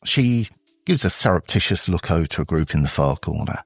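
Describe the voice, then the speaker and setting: A man narrating as game master of a tabletop game, halting and full of restarts. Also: sits low, very animated, vocal fry, faint music behind.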